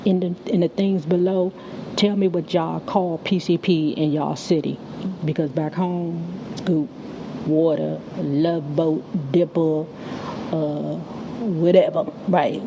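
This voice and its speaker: A woman's voice: on the low side, dark tone, lo-fi sound, slight background noise. Sassy woman slurring slightly around a retainer. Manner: blunt, sassy, profane, slangy storytelling. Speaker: YouTube commentary host. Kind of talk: casual gossip commentary, chatty monologue.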